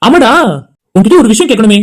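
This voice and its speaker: A man's voice: high-pitched, lively intonation, fast, warm tone. A man voicing a short-tempered, protective older brother in a cartoon, blunt and irritated. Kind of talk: cartoon voice acting.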